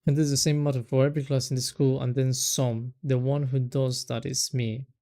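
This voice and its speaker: A man voicing a strict, bossy young female student council president in a visual novel, speaking in a sharp, scolding, deliberate way. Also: mid-range voice, level tone, close to an everyday voice. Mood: stern.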